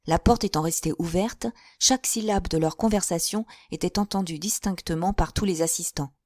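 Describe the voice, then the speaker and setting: A woman reading a classic novel aloud in steady, even narration. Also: on the low side, moderate pace, no room sound, clean studio sound. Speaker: audiobook reader. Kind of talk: scripted narration.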